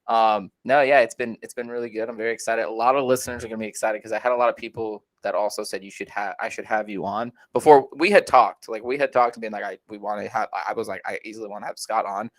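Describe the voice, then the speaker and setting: A man's voice: on the low side, fairly even intonation, fast talker, few pauses. A young man hosting a podcast, talking eagerly and rambling with frequent fillers and restarts. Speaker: podcast host. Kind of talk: casual interview chat.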